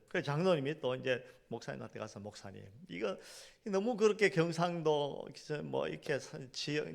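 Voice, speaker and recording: A middle-aged male pastor preaching in a church, telling humorous stories and then building to loud, emphatic points. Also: medium pitch, gravelly. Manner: swings from hushed storytelling to loud emphatic preaching. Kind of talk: sermon with storytelling. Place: church sanctuary.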